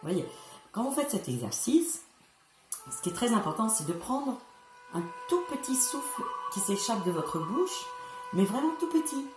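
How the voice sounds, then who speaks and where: A woman's voice: on the high side, sing-song, a little slow. A woman vocal coach giving a patient, instructive singing lesson, speaking directly to her viewers. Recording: echoey room with music behind.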